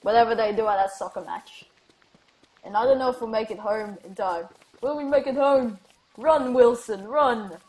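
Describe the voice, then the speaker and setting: A woman's voice: a little high, a little fast, darkish tone, rough recording. A woman hosting a casual let's-play, rambling and chatting to herself and to things in the game as she plays. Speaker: gaming channel host.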